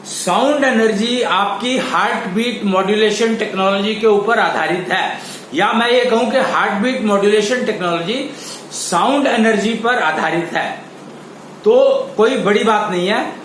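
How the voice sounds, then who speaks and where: A man teaching a spiritual lecture, explaining in a slow, halting way with many pauses. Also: high-pitched, fairly bright tone. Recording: echoey room with faint ambient noise.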